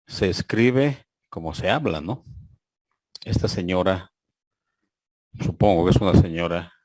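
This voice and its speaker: Slow, lively low-voiced lecturer. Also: male voice, no echo. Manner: rhetorical, reads examples aloud slowly and mocks errors. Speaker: university lecturer. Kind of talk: online lecture.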